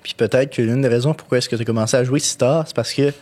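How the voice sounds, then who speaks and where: A man hosts a casual podcast interview. His voice is of middle pitch, and he asks long, winding questions and drifts into chatty anecdotes. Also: fairly even intonation, fast, darkish tone. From Longueuil, Quebec. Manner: rambling, chatty storytelling. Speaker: podcast host.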